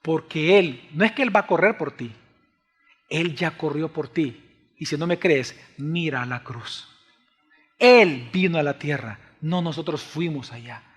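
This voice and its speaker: A Salvadoran man preaching a passionate sermon as pastor, swinging between loud exclaims and hushed pleas. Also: fairly high pitch, expressive, unhurried, breathy edge. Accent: Salvadoran Spanish. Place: church sanctuary. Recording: long church reverb.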